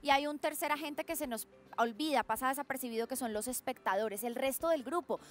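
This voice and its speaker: A woman's voice: sits high, brisk, soft background music. A Colombian woman, a child psychologist, explaining school bullying on a talk show and acting out short parent and child voices in her examples.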